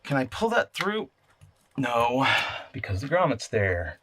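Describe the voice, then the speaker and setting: Casual and unscripted, an electronics repair hobbyist talks through his hands-on work for a video, muttering to himself and answering his own questions. He sounds very animated yet unhurried, with a medium-pitched, fairly bright voice over clear background noise of clicks and clatter.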